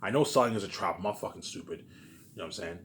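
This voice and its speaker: Low-pitched yet a bit bright, a man vlogs in an animated, quick-paced, rambling monologue full of swearing. He keeps repeating himself and reusing verbal tags as he rants, and a little hiss or hum sits under the audio.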